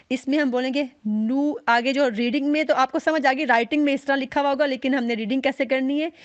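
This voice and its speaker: A woman teaching a recitation class, patiently explaining step by step and drawing out each example as she reads it slowly. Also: sits high, no echo, lo-fi sound. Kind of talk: online class lecture.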